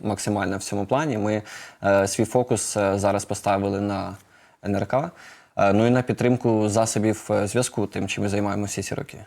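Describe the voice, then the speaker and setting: A man's voice: on the low side, steady tone, brisk, vocal fry, a little mellow. A man answering questions as a studio guest in a live interview, hesitant with many filler sounds. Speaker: production head of a drone maker, guest.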